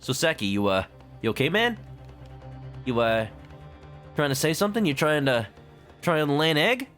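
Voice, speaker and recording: Male streamer: casual, playful game commentary, lively swinging pitch, medium register, prominent music. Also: normal speed. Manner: playful, animated. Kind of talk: casual joking gameplay commentary.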